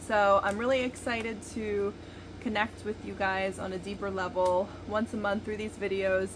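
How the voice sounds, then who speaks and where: With background noise audible, a woman in her thirties gives a chatty, practical painting tutorial indoors in her basement studio. Her medium-pitched voice is steady at a moderate pace, recorded by a camera at a distance without an external microphone.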